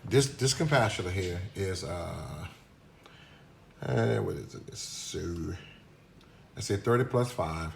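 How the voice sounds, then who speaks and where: A man's voice: deep voice, lively intonation, takes it slowly, gravelly, pauses often, noisy background. A man giving a casual, hesitant hands-on demonstration at a workbench, with many restarts and fillers, recorded on a phone camera. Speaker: product reviewer demonstrating a meter.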